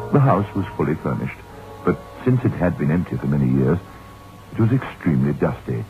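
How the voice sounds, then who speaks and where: In the measured style of 1960s radio drama, an actor with a bass voice plays a brooding, reflective novelist recounting his haunted tale. The old recording sounds tinny and noisy.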